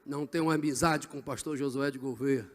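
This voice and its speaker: A middle-aged male pastor preaching a Pentecostal sermon, swinging from hushed passages to shouted climaxes. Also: medium pitch, fairly even intonation, a little fast, long reverb tail.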